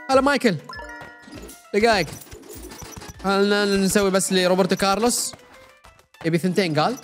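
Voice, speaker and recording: A young man talks quickly and casually over his game, joking with the customers as he plays. His voice sits at a middle pitch and runs at a brisk pace. Faint game music plays underneath. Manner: fast, chatty, jokes with the game's customers. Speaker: gaming YouTuber. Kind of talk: casual let's-play commentary.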